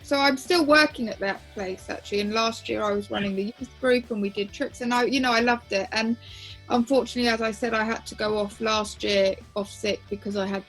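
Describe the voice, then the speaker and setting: A woman's voice: medium pitch, a bit bright, low-quality recording. A woman in her twenties telling her own story frankly as an interview guest, with many restarts. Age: 20s.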